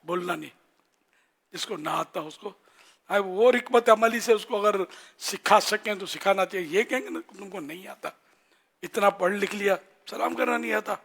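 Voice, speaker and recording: An older man with a Pakistani Urdu accent, giving a religious talk to an audience in a conversational teaching manner, slowly demonstrating phrases. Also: high voice, a bit bright. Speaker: religious scholar.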